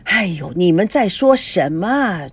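A woman's voice: lowish voice, expressive, measured pace, slightly rough, no room sound, heavily acted. A woman voicing a harried young husband who answers a crowd curtly and with exasperation in a story reading. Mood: irritated. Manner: curt, exasperated.

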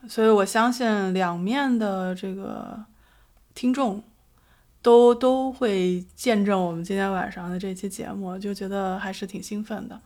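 A woman's voice: medium pitch, a little mellow. Earnest woman livestream host, thoughtful. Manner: reflective, earnest, with frequent hesitations. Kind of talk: spoken show announcement.

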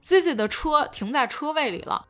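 A woman co-hosts a casual podcast chat. Her voice sits a little high, and she often chimes in with easy agreement. Soft music can be faintly heard behind her. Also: expressive, normal speed. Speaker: podcast co-host.

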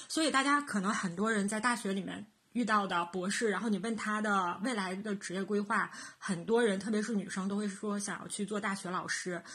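Bright-voiced playful young woman. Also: mid-range voice. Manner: playful, teasing, jokes about herself. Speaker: podcast co-host. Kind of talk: casual podcast chat.

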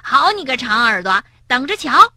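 A woman voicing a cheerful, feisty young male frog in a children's storybook, with lively exclamations. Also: fairly high pitch, unhurried, no echo, studio quality, heavily acted. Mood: excited.

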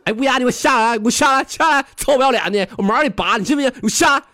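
A man's voice: very high-pitched, animated, rapid-fire, no echo, studio quality, pitched above the performer's own voice, full character voice. A man doing a hot-tempered old farmer. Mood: furious. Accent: Northeastern Mandarin. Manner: cursing, yelling threats.

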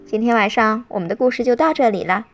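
A woman gently narrating a bedtime story to children in an expressive storytelling voice. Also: fairly high pitch, quick pace, faint music behind.

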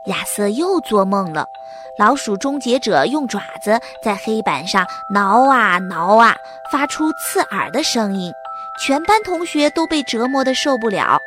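Animated woman telling a children's story. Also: on the high side, unhurried, music in the background. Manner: expressive, animated.

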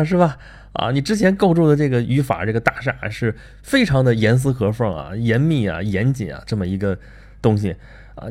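Man, casual lecture, lively swinging pitch, rhetorical questions. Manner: lively, rhetorical questions, frequent filler particles. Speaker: host. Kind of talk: casual lecture-style talk.

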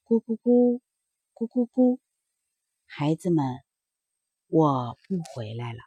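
Woman playing mournful cuckoo bird, soft, low, husky, sad. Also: very animated, slow, no room sound, dull audio, heavily acted. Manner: soft, low, sorrowful calls.

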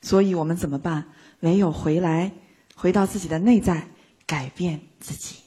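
A woman giving a lively, playful motivational talk to a live audience, acting out little everyday scenes. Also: fairly low pitch, moderate pace, breathy edge. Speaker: speaker teaching a live audience.

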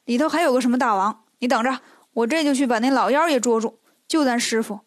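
A woman's voice: on the high side, fast talker, close to an everyday voice. A woman voicing a cheeky, hot-tempered male monkey king hero in a spoken storybook tale. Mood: brash. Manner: cheeky, impatient.

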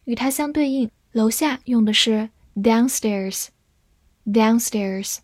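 A woman teaching English vocabulary in a scripted lesson, spelling each word letter by letter and reading example sentences slowly. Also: on the high side, darkish tone, no echo.

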